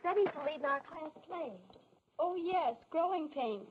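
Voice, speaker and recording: A young woman with an American accent playing a friendly, eager high school girl in a 1940s instructional film. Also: moderate pace, slight background noise, close to an everyday voice. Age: young adult. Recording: dull, lo-fi 1940s film soundtrack.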